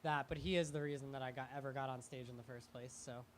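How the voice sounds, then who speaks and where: A young man, a comedian and guest, speaking in a halting, rambling, self-deprecating way on a live talk show. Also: medium pitch, steady tone, a little hiss or hum. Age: young adult.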